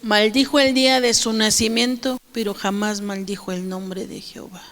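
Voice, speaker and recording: A woman's voice: mid-range voice, fairly even intonation, normal speed, fairly bright tone, big-room sound. A woman pastor preaching a sermon, asking the congregation questions and acting out quotes.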